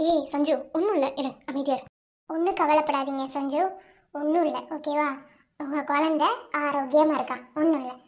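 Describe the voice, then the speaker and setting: A calm, reassuring woman doctor in a cartoon , voiced by a performer. Her voice sits very high, and she soothes a worried family by repeating her reassurances. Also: moderate pace.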